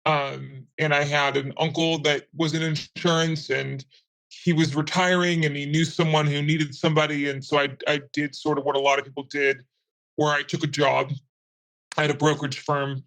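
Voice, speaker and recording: A man's voice: on the high side, flat delivery, moderate pace, vocal fry, fairly bright tone, low-quality recording. A man in his thirties whose voice is altered for anonymity, chatting candidly as an interview guest in loose, rambling sentences. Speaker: interviewee, meme page admin. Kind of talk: casual interview chat.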